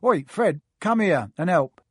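A man's voice: mid-range voice, sing-song, unhurried, a little mellow, husky, dry recording, clean studio sound, full character voice. A man voicing mischievous teenage twin boys who tease their brothers. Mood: friendly. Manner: teasing, mock-surprised.

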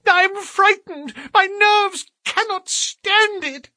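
A man voicing a terrified, nervous gentleman who speaks in a shrill, panicky way. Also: takes it slowly, no echo, studio quality, exaggerated voice.

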